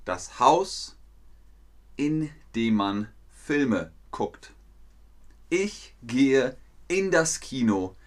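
Man, language teacher on a stream, very slow and clear, repeats phrases, medium pitch. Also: expressive. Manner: acts out short dialogues. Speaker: German teacher streaming online.

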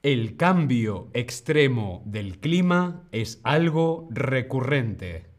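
A man teaching pronunciation in a live stream, slow and patient, repeating words for viewers to echo and reassuring them by name. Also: medium pitch, very animated.

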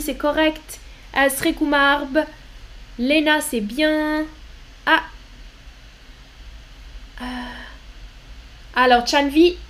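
Slow, encouraging teacher woman. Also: high voice. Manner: slow, encouraging, switches between French and English. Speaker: French teacher. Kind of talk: live online lesson.

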